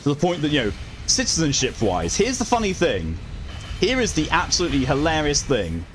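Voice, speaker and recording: A man's voice: fairly high pitch, huge pitch swings, a little fast. Wry, rambling male game streamer over music. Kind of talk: casual live game commentary and chat.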